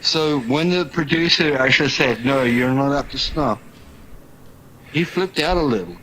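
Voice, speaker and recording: A man's voice: mid-range voice, normal speed, a bit bright, slight background noise, rough recording. A man in casual, profane chat in a VR game, ranting and teasing others. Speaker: VR social game player. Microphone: VR headset mic.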